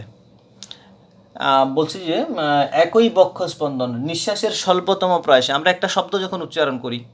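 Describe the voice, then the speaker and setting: A man's voice: a little high, fairly bright tone. A man teaching a grammar lesson, patiently repeating points with frequent hesitations. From Bangladesh.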